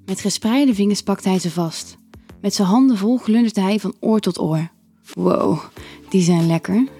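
A woman reading a first-person story aloud in an intimate, unhurried way. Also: medium pitch, mellow, breathy edge. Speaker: narrator. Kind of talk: scripted story narration.

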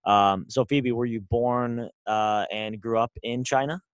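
A man's voice: mid-range voice, fairly even intonation, measured pace, smooth, no room sound, lo-fi sound. Upbeat man hosting, dry close sound. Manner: upbeat, keeps saying awesome. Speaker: interview host. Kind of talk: interview questions.

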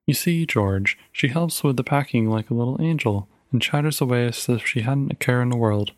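A man's voice: mid-range voice, brisk, dry recording, natural voice. A man voicing a stern, determined mother, reading her lines firmly and insistently in a storybook reading. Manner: firm, clipped and insistent.

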